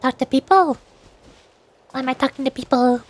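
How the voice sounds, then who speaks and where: A woman streams as a VTuber, giving casual game commentary while playfully mumbling to herself close to the mic. Her voice is high and moderately paced, with game music behind her.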